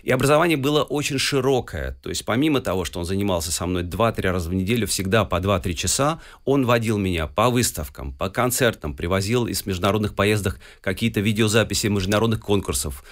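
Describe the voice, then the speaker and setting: A man in his forties from Russia talks through his life in a relaxed interview, his voice sitting a little low. He wanders through the story with small hesitations and filler sounds. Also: fast talker, hardly any pauses. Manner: discursive, with frequent hesitations. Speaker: guest musician.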